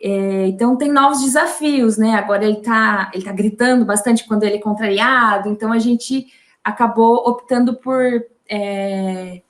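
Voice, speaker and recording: A Brazilian woman, a mother, talking in a casual interview with halting speech and many restarts. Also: mid-range voice, roomy sound. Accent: Brazilian Portuguese. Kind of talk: casual video call interview. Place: home.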